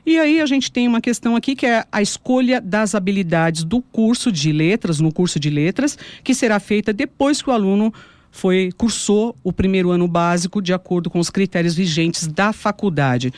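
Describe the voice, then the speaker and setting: A woman's voice: mid-range voice, brisk, no room sound. A Brazilian woman hosting an interview, chatting and prompting her guest with tag questions. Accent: Brazilian Portuguese. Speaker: interview host. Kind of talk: broadcast interview chat.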